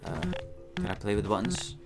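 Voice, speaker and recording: A man's voice: lowish voice, sing-song, brisk, music in the background. A man giving casual, chatty, sarcastic commentary while playing a video game. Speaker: let's play host.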